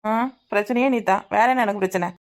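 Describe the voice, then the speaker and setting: Woman voicing a fast-talking sulky young wife. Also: mid-range voice, close to an everyday voice. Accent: Kanyakumari Tamil. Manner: sulky, retorting. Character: young village wife, sulky and sharp-tongued.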